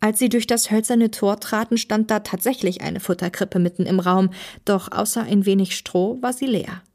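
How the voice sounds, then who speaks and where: A woman as voice-over narrator, reading a short story in a clear storytelling delivery. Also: medium pitch, normal speed, darkish tone. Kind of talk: scripted narration.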